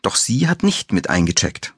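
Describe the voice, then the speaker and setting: A man's voice: lowish voice, big pitch swings, moderate pace, fairly bright tone, slightly rough, no echo, full character voice. Brief: stiff, offended hotel director in his fifties, read by a man, formal and put out, dry audiobook sound. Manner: formal, slightly annoyed.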